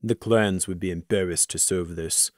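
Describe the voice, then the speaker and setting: A man's voice: steady tone, moderate pace, dry recording, studio quality, lightly acted. A man voicing a dutiful male warrior pegasus who talks in a formal, recited way. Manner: formal, recited, low and quiet.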